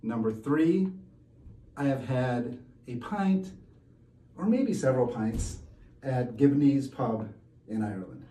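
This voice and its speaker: A man's voice: mid-range voice, animated, takes it slowly, long pauses, dark tone. A man chatting casually as a guest, hesitant with many fillers and restarts. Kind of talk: casual chat. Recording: echoey room from far off.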